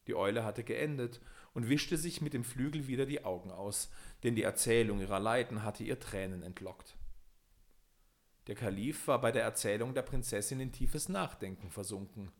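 A man reads a classic fairy tale aloud at an ordinary pitch for his sex. His telling is measured and expressive, in the manner of an audiobook. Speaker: narrator.

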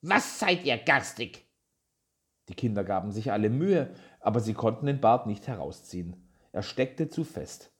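A reader narrating a fairy tale in a calm, measured way. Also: medium pitch. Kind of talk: storybook narration.

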